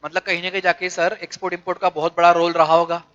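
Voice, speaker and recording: A man's voice: high-pitched, flat delivery, a bit bright. A middle-aged male commerce teacher with an Indian English accent, lecturing and often stopping to quiz his students. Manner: mixes English and Hindi, quizzes students with quick questions. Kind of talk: classroom lecture. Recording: dull lo-fi lecture recording.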